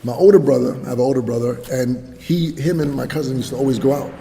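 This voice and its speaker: A man's voice: medium pitch, creaky, long reverb tail, a crowd in the background. A man from New York, a DJ, talking casually and laughing easily in an interview. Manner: laid-back, repeats words, quick to laugh. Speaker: DJ guest.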